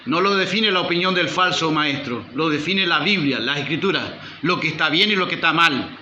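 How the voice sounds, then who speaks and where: A man's voice: fairly high pitch, expressive, normal speed, sharp tone, a little hiss or hum. A male pastor preaching a sermon, firing rhetorical questions at the congregation and calling for amen. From Uruguay. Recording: roomy, slightly dull church recording.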